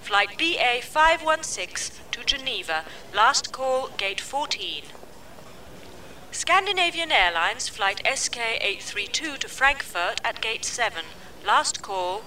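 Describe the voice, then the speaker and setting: A woman reading a scripted airport flight announcement in a formal, measured way, repeating each notice. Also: on the high side, sing-song, sharp tone. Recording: distant mic with faint background noise.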